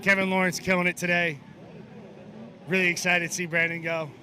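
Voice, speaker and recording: A man's voice: high voice, flat delivery, a little fast, sharp tone. Upbeat man at a noisy race track. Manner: upbeat, chatty, addresses viewers as folks. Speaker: event reporter for a wheel brand. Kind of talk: casual trackside walkaround. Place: outdoor drift race track. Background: car engines and track noise.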